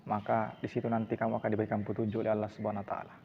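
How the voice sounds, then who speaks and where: A man playing a calm old village cleric. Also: on the low side, very fast, big-room sound, lightly acted. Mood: calm, advising. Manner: calm, instructive. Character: wise older male village cleric, calm advisor. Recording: dull lo-fi recording, faint hiss.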